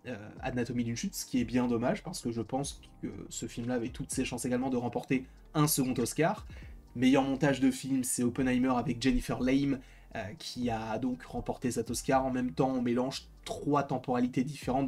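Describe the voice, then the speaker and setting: A man's voice: mid-range voice, a little mellow. Hesitant man talking over faint music. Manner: hesitant, many fillers and restarts. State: a bit tired. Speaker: film commentator. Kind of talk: casual commentary.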